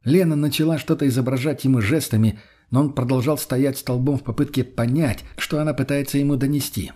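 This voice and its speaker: Husky guy reading a first-person audiobook, mid pitch, steady. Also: fairly quick. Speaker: narrator. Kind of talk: audiobook narration.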